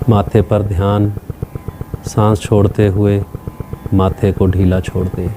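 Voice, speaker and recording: A meditation teacher leads a guided session, speaking calmly in short instructional phrases separated by long pauses. His voice is lowish, and there is background noise.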